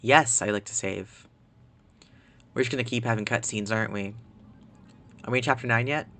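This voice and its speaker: Bright-voiced chatty streamer man. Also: mid-range voice, normal speed, a little hiss or hum. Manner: chatty, rambling, full of "like". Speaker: live-streamer. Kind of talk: casual chat while gaming.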